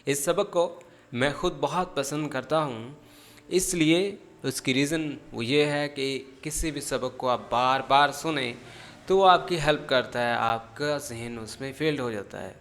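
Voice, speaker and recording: A man teaching an English pronunciation lesson, speaking deliberately and stretching out example words so learners can repeat them. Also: medium pitch, fairly bright tone. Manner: switches into careful, drawn-out English for examples. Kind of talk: spoken language lesson.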